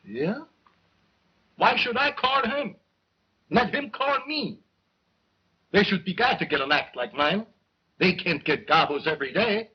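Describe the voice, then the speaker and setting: A man's voice: sits high, expressive, measured pace, long pauses, slightly rough, heavily acted. A man with a German accent playing an arrogant, hot-tempered, middle-aged ventriloquist who talks pompously and scolds. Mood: boastful. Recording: muffled 1929 film soundtrack.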